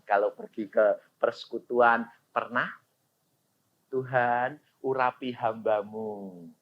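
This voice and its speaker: Man, pastor's sermon, loud calls and hushed asides, dull lo-fi recording. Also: on the low side. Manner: dramatic storytelling, swinging from loud calls to quiet asides.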